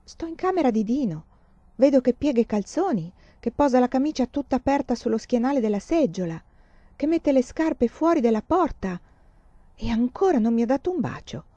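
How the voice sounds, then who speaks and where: A woman's voice: high voice, very animated, fairly quick, dark tone, no room sound, pitched above the performer's own voice. A woman voicing a shy, anxious young woman who speaks hesitantly, in a slightly muffled recording. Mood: uneasy.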